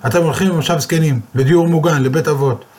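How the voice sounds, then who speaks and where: A man voicing a greedy, demanding grown son in a told story, his voice husky and pushed up high. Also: a little mellow, natural voice. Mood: pushy.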